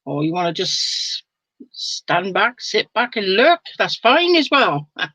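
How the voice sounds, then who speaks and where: Slow, chatty older woman. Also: medium pitch, very animated, sharp tone, dry recording. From England. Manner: chatty, laughs often, reads viewer comments aloud. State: sleepy, yawning. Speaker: live-stream host reading to viewers. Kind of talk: casual live-stream chat. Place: at home.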